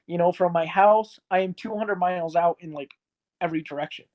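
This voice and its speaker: A man's voice: sits high, a little fast, a little mellow. A man in his early twenties, an arcade business owner, talking casually as a guest with lots of fillers and a frank, rambling manner. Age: early 20s. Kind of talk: casual interview chat.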